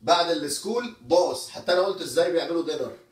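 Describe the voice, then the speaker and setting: High-voiced Egyptian English teacher, echoey room. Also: male voice, rapid-fire, recorded from a distance. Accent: Egyptian Arabic. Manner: explains step by step, often checks understanding. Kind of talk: Egyptian Arabic English lesson. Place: indoor room, moving around while teaching.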